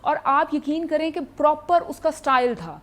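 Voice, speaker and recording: A woman athlete chats as a guest on a TV talk show. She tells stories in a lively, animated way. Her voice sits high. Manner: lively, animated anecdote telling. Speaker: martial arts athlete guest. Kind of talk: casual interview storytelling.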